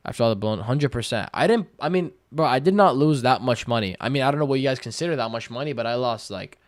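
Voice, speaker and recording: A twenty-year-old day-trading livestreamer reads viewer questions aloud and answers in relaxed, slangy chat full of fillers. His mid-range voice moves at a quick pace. The studio sound is clean with no echo.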